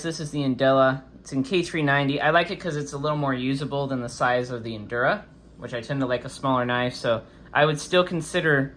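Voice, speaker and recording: A man's voice: mid-range voice, fairly bright tone. A man hosting a casual, chatty product review, his speech slightly impeded by a swollen face after having wisdom teeth out. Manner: informal, chatty. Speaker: host of a knife review channel.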